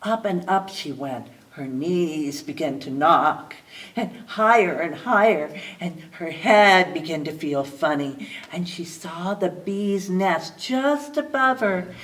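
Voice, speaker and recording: A woman librarian reading a picture book aloud at storytime, expressive, with small slips she corrects as she goes. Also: on the low side, far from the mic, rough recording.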